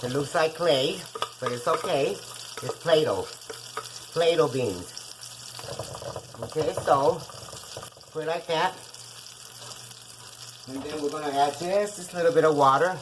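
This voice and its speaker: Hosting a casual home cooking show from her kitchen, a Puerto Rican woman whose first language is Spanish chats with viewers, often calling them "guys," in a Puerto Rican accent. Her voice sits low and she speaks slowly with long pauses, with background noise present.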